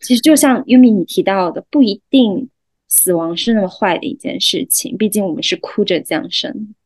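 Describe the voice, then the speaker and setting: A young woman speaks as a podcast guest, calm and explanatory. Her voice sits at an ordinary middle pitch. The sound is dry, with no room echo. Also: normal speed, breathy edge. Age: young adult. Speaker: hospice volunteer guest. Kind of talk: podcast conversation.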